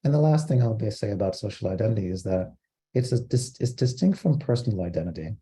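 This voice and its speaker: A man from Costa Rica giving an online training lecture, explaining terms in a measured way with frequent fillers. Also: fairly low pitch, animated, dark tone, husky. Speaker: diversity trainer.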